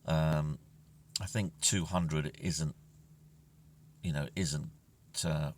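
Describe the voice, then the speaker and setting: A very deep male voice with fairly even intonation speaks very slowly, giving casual commentary on his own play. He mutters to himself, often trailing into near-whispers. A distant mic picks up slight background noise and music.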